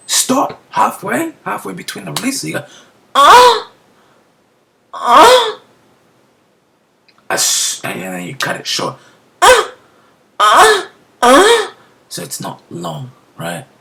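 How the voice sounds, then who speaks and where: A beatbox tutor with a mid-range voice walks through a technique step by step in a casual way, often asking "right?" and slipping into soft whispered asides. His pitch swings hugely, he speaks at a normal speed, and there's vocal fry.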